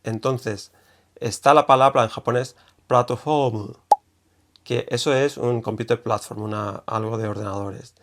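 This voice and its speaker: A man's voice: lowish voice, level tone, moderate pace, noisy background. A young man from Spain with a Spanish accent from Spain, hosting a casual video lesson and thinking aloud with many fillers and restarts. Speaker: language video host.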